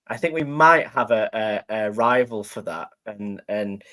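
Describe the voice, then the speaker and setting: A man hosting a casual football podcast, relaxed and rambling. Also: lowish voice, unhurried, low-quality recording. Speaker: podcast host.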